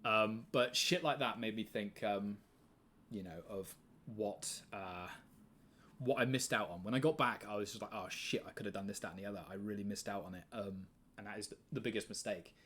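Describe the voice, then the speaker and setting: A man's voice: fairly low pitch, normal speed, fairly bright tone, a little hiss or hum. A man in his twenties with an English accent, hosting a live stream in casual chat, rambling, swearing freely and laughing often. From England. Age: 20s.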